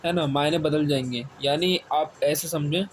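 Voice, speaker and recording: Male Quran teacher repeating questions slowly. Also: a little high, steady tone. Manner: asks questions and answers them himself, repeats key words slowly. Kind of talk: step-by-step classroom explanation. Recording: faint background noise.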